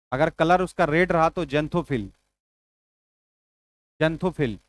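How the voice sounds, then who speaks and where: A male teacher giving an exam-prep biology lecture, repeating key points and dictating notes, asking and answering his own questions. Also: a little high.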